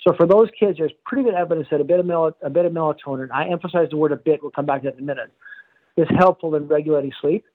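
A man, a professor of pediatrics, explaining in a measured way over the phone and often correcting himself mid-sentence. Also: fairly high pitch. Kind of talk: phone interview. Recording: tinny phone line.

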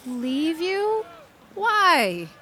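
Swooping, pouting, lovelorn Bianca. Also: female voice, very high-pitched, drawn-out words, a little hiss or hum, heavily acted. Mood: jealous, hurt. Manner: coquettish, pouting, expressive. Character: Bianca, lovelorn, jealous, flirtatious female lover. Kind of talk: Shakespearean audio drama acting.

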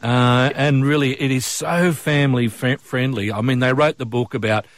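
A man's voice: medium pitch, steady tone, moderate pace, no echo, clean studio sound. An older man with an Australian accent, presenting and chatting as a breakfast radio host. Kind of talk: commercial radio presenting and chat.

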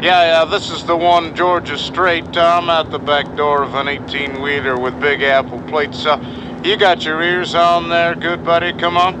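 An actor playing a cryptic trucker who talks in heavy CB slang, heard over a CB radio. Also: male voice, on the high side, little pitch movement, normal speed. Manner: heavy CB trucker slang, ends turns with "come on". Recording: CB radio voice with loud engine noise.

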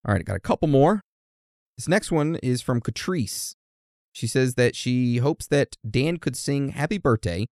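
A man's voice: mid-range voice, darkish tone, no room sound, clean studio sound. A man co-hosting a podcast, reading listener birthday messages in a casual, teasing, easily amused way. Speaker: podcast co-host.

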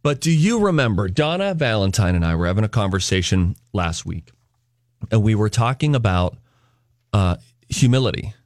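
A man's voice: fairly low pitch, very animated, normal speed, darkish tone, no echo, clean studio sound. A man co-hosting a radio talk show, chatting casually and turning earnest and reflective. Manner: earnest, reflective, builds to preachy emphasis.

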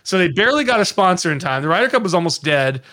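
Lively, raised-voiced man telling stories. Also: high voice, fast. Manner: lively, digressive storyteller who slips into quoted voices. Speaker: podcast guest. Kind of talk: casual storytelling on a podcast.

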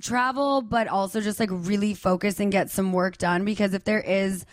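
A woman's voice: medium pitch, steady tone, normal speed, no echo. Chatty woman podcast host. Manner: chatty, rambling storyteller. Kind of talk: casual chat.

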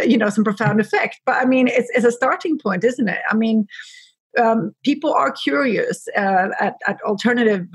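A woman's voice: mid-range voice, slightly rough, no echo. A woman hosting a podcast interview over a call, talking casually with many fillers and restarts. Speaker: podcast host. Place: in Edinburgh. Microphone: remote call.

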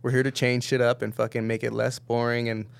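A man's voice: medium pitch, flat delivery, brisk, gravelly, smooth. A young man chatting casually in hyped frat-bro slang, peppered with dude and swearing. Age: young adult. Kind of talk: casual banter about music.

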